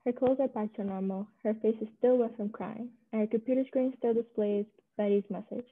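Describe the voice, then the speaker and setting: A woman reads stage directions aloud in a plain, even way. Her voice is a little high. It comes through a thin, phone-like line. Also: fairly quick.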